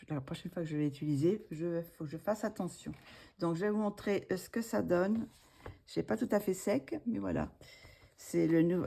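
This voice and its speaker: A woman's voice: fairly low pitch, warm tone. A woman talking casually through her art supply purchases, hesitant and full of fillers and restarts. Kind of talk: casual haul video.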